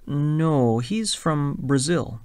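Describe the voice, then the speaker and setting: A man's voice: fairly high pitch, animated, very slow, darkish tone, clear, resonant tone, no room sound. A man reading scripted lines and instructions for a listening exercise, enunciating carefully and spelling out names. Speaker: exam recording reader.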